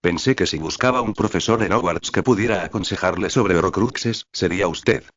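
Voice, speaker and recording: A cool, calculating young wizard, as a man reads him speaks in a calm, measured and insistent manner. The voice sits very low. The audio sounds dull and lo-fi.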